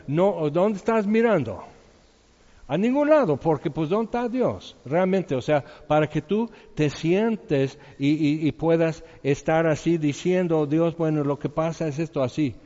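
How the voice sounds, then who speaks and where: A male preacher with a fairly high, dark-toned voice gives an informal, conversational Bible teaching, asking his listeners questions and chuckling now and then. The sound is dull, with a long hall reverb.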